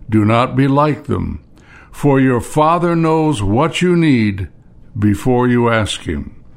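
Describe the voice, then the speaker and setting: An older man preaching a sermon, reading scripture slowly and measuredly, then adding plain asides. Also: mid-range voice, gravelly.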